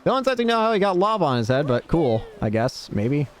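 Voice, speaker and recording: A man's voice: on the high side, big pitch swings, brisk, soft background music. A man giving casual, offhand video game commentary, rambling to himself, with some static on the mic.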